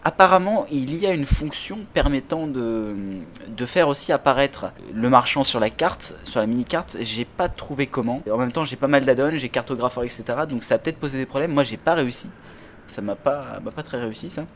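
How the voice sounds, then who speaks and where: A man's voice: medium pitch, a little fast, fairly bright tone, slight background noise. A man hosting a casual gaming podcast, chatty, with many fillers and self-corrections. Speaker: podcast host.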